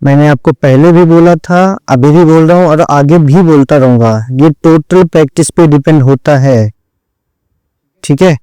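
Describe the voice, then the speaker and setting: A man's voice: on the high side, normal speed, warm tone, smooth, no echo, poor audio. A man teaching an online shorthand lesson, explaining each step and repeating "theek hai" after every point as he addresses his students directly. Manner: drills points over and over.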